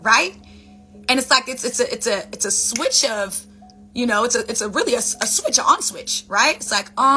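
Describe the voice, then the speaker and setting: A woman with a medium-pitched, pushed and bright voice hosts her own vlog as a wellness speaker. Talking casually and expressively to camera, she motivates viewers, repeats phrases for emphasis, and calls them "baby" and "you guys."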